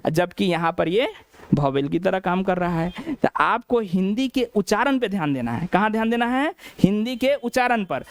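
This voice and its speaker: A man's voice: very high-pitched, clean tone, no room sound. Hindi-speaking male teacher, question-and-answer drills. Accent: Bihari Hindi. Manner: repeats each point as a question, then answers it. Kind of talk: classroom lesson.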